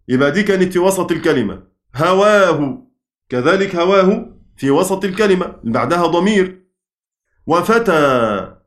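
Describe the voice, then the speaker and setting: An Egyptian man teaching a class, his voice sitting a little high. He keeps asking the students questions and answering them himself. He chants the verse lines slowly. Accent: Egyptian Arabic. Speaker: Quran recitation teacher. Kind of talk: classroom lecture.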